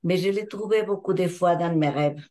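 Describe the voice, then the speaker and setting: A woman's voice: fairly low pitch, normal speed, warm tone. An older woman from Mexico with a Mexican Spanish accent, speaking French as a second language and answering interview questions as a hypnotherapist. She talks thoughtfully and searches for her words. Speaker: hypnotherapist and trainer.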